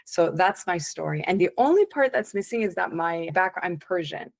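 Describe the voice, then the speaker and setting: A woman coach telling her life story as a podcast guest, in a relaxed, conversational way with frequent restarts. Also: lowish voice, normal speed, gravelly. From born in the United States, raised in Italy and Canada. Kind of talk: casual interview chat.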